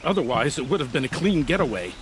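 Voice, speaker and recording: A man's voice: medium pitch, very animated, quick pace, a little hiss or hum, natural voice. An actor playing an aggrieved nobleman in a video game, speaking in an earnest, proud and formal manner. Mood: indignant, proud. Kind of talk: video game dialogue acting.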